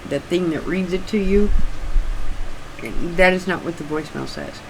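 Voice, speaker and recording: An older woman chatting casually and haltingly, with slightly restricted articulation, as if her sore jaw won't open wide. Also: on the low side, gravelly, slight background noise, rough recording. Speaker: craft vlogger. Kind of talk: casual rambling chat.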